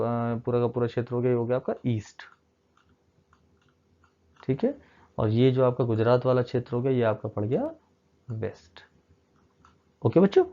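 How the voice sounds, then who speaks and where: A male teacher giving a recorded classroom lecture to children, walking through a map and often checking in with them, mixing English terms into his explanations. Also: mid-range voice. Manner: coaxing, keeps checking in with the children. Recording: dull lo-fi sound.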